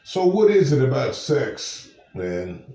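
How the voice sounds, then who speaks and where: Male preacher, mid-pitched, rhetorical and emphatic, roomy sound, slightly distant from the mic. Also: sing-song, slow, dark tone. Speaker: street preacher. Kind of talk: informal preaching to camera.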